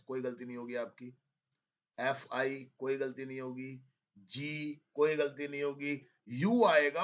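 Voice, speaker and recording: A man with a medium-pitched, slightly bright voice gives a class an English spelling dictation, spelling each word out letter by letter and teasing the students a little. The classroom recording is dull and lo-fi.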